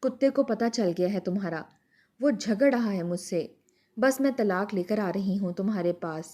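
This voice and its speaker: A woman's voice: mid-range voice, lightly acted. Woman voicing a defiant scornful young wife. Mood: tearful. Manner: sharp, defiant.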